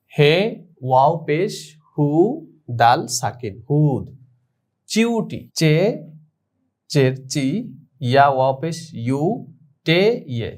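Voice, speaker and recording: A man's voice: mid-range voice, a little mellow. A man teaching an online language lesson, spelling out words letter by letter and explaining pronunciation to his students. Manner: spells out letters slowly, syllable by syllable; addresses students directly, explanatory.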